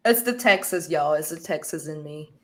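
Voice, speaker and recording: Hosting a laid-back live stream, this Brazilian woman speaks with a deep, animated voice at a moderate pace. She's a native Portuguese speaker with a Brazilian accent who laughs a lot and lets out light swears.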